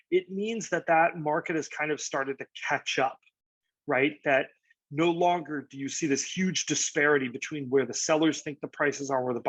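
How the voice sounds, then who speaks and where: A man's voice: on the high side, fairly bright tone, no room sound. A man, a real estate agent casually explaining market charts, with frequent fillers and "right?" asides. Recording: dry, slightly dull lo-fi audio.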